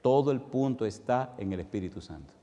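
A man preaching a sermon, firing rhetorical questions at the congregation and telling stories that swing from loud to hushed. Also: mid-range voice, animated, a little fast, lo-fi sound. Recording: long hall reverb.

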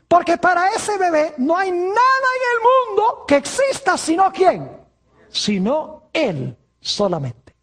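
Slow breathy preacher, keeps asking the crowd questions then answering, drags out big words. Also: medium pitch. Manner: asks rhetorical questions and answers them; stretches key words slowly. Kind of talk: sermon.

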